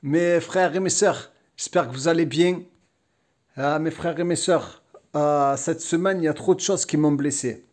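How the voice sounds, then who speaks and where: A man's voice: on the high side, unhurried, darkish tone. A man delivering a heated vlog monologue, agitated and repetitive with frequent restarts. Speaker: vlogger.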